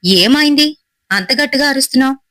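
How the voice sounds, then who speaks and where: A woman's voice: high voice, animated, fast, bright, forceful tone, no room sound, voice pushed up. A woman voicing an irritable, dismissive middle-aged mother-in-law who talks in a snappish, impatient way. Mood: irritated.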